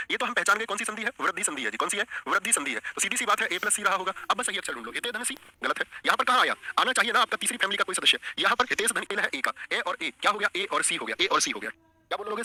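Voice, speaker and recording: Rapid-fire male exam-prep teacher. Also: high-pitched, pushed and bright, dry recording. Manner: fast, coaxing, repeats questions to students. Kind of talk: online exam-prep lesson.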